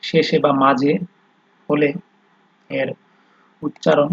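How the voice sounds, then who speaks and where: A man teaches an online language class, talking slowly and patiently, with lots of fillers and checks on his students. His voice is a little husky. The audio is dry and dull, like a lo-fi call. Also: a little high, little pitch movement, a bit bright, dry recording. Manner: slow, patient explaining with many fillers.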